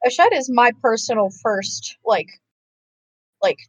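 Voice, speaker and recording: Playing an online tabletop game, a woman with a slightly high, animated voice speaks a bit slowly and hesitantly, full of fillers and restarts. Her dry-recorded voice comes through a muffled voice-chat line that keeps breaking up, with dull lo-fi call audio.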